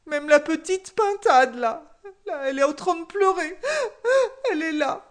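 A storyteller putting on a wailing tattletale warthog. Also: female voice, measured pace. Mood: fake wailing. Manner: wailing, high and loud with fake sobs. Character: whiny tattletale male warthog, sobbing and sly.

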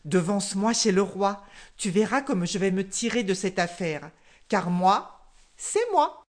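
A woman's voice: mid-range voice, lively intonation, a little slow. A storyteller voicing a clever little male hare who chants in a sing-song voice. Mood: sly chanting.

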